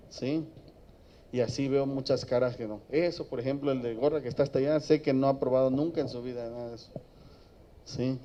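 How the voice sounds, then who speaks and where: Dark-voiced male psychologist. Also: medium pitch. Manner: conversational storytelling, checks in with "¿sí?". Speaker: psychologist giving an addiction-prevention talk. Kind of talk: talk to a student audience. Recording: dull lo-fi recording.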